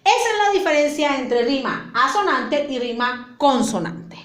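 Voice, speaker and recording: A woman's voice: high voice, lively intonation, unhurried, a bit bright, roomy sound. A woman with a Mexican accent teaching children a lesson, patient and explaining step by step. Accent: Mexican Spanish. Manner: patient, explains step by step, repeats points with diminutives.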